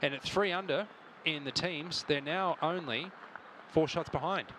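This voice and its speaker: A man's voice: fairly high pitch, unhurried, pushed and bright, a little hiss or hum, rough recording. A man giving live television golf commentary as a commentator.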